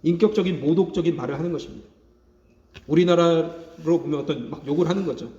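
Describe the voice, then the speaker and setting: A man's voice: on the high side, fast, warm tone. A male pastor preaching a sermon, stressing key phrases by saying them twice and calling out hallelujah. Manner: emphatic preaching, repeats key phrases, calls out hallelujah for responses. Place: church sanctuary. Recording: echoey hall, dull lo-fi sound.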